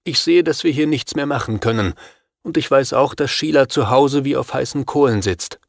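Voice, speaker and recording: A man with a mid-range voice and some vocal fry reads an audiobook at a moderate pace, in a dry, clean studio recording. He plays a worried, desperate middle-aged father who fears for his son, pleading in an anxious, agitated way.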